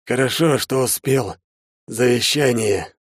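A male audiobook narrator voicing an ailing older man with a failing heart, hoarse, strained and halting. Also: medium pitch, no echo, clean studio sound, voice pushed up, close to an everyday voice. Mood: strained, pained. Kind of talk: audiobook character voice.

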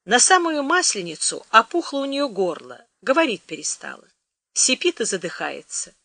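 A woman narrating a novel as an audiobook in a lively, folksy storytelling manner. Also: on the high side, normal speed, vocal fry, dry recording.

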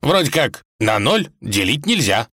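A man's voice: medium pitch, sing-song, a little slow, sharp tone, no room sound, clean studio sound, pitched above the performer's own voice, heavily acted. A man reading a fairy tale aloud and voicing a fussy, bossy old tsar. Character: fussy older male tsar, bossy but kindly.

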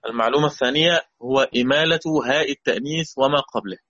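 Teaching a Quran recitation lesson with an Egyptian Arabic accent, a man explains the material, patiently repeats key points, and quizzes his students. His medium-pitched voice is quick, pushed, and bright, though the audio is dull.

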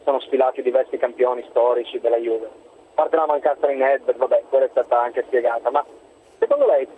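A man's voice: medium pitch, brisk. A man from Turin calling in to a radio show over a phone line, asking a question in a polite, formal way. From Turin, Italy. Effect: phone-line call into a radio show. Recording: tinny phone line with faint noise.

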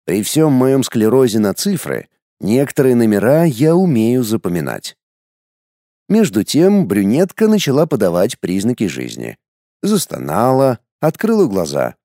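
Man, audiobook narrator, wry deadpan, dark mellow voice, very animated pitch, dry close sound. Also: moderate pace, dry recording. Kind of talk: first-person audiobook narration.

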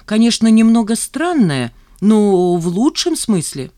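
A woman's voice: medium pitch, sing-song, unhurried, dark tone, dry recording, clean studio sound, voice pushed up. A woman reading an audiobook, voicing a mild, patient young man.

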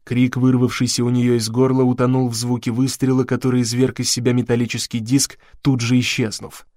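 Measured male audiobook narrator. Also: medium pitch, level tone, darkish tone, no echo, studio quality.

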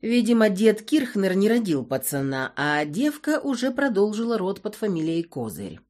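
A woman's voice: mid-range voice, big pitch swings, moderate pace, darkish tone, close to an everyday voice. A woman voicing a joking, sarcastic man of thirty in an audiobook. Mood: teasing. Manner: teasing, sarcastic. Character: thirty-year-old man, joking, wry.

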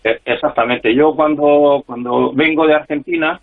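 The speaker is an older man, formerly a freelance spy, telling his story on the radio by phone. His fairly high, gravelly voice keeps a fairly even intonation at a moderate pace, and he talks at length with many fillers and restarts. The call sounds tinny.

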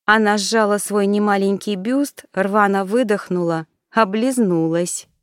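A woman narrates a first-person novel in an even, storytelling manner. Her voice sits at an ordinary middle pitch. The recording is close and dry, with no room echo. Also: measured pace, smooth. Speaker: audiobook narrator.

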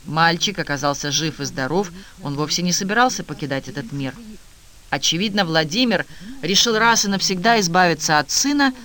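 A man reading a novel aloud in an even, measured narration. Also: fairly high pitch. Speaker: audiobook narrator. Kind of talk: scripted narration.

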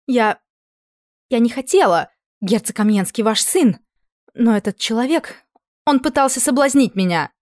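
A woman voicing a desperate scheming queen, talking in a high, shrill, pleading way, in a dry recording. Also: animated, normal speed, pauses often, darkish tone, no echo, lightly acted.

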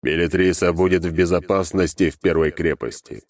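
A man reading an audiobook, voicing the calm, wise inner voice of a codex in a slow, soothing, measured manner. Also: sits low, lightly acted. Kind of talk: audiobook character voice.

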